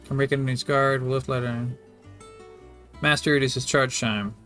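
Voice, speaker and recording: A man's voice: steady tone, moderate pace, sharp tone. Male gamer, mid-range voice, unfussy thinking-aloud commentary, faint music bed. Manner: low-key, thinking aloud. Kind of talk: casual game commentary, reading menus aloud. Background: game music with plucked guitar.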